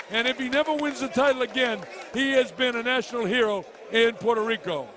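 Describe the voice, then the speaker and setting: Man, boxing commentary, very high voice, emphatic, explanatory, repetitive, faint ringside crowd. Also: fairly bright tone. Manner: emphatic, explanatory, repeats key points. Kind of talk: live fight commentary with replay analysis. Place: ringside at an arena. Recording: crowd murmur at ringside broadcast. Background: crowd noise.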